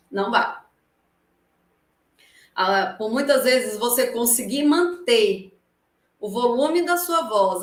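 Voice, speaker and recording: A woman with a Brazilian Portuguese accent, a lawyer giving a live lecture on public speaking, projecting her voice without a microphone and swinging between loud and soft for emphasis. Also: a little high. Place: room with a live audience. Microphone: no microphone, voice carried across the room. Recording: echoey room, voice from a distance.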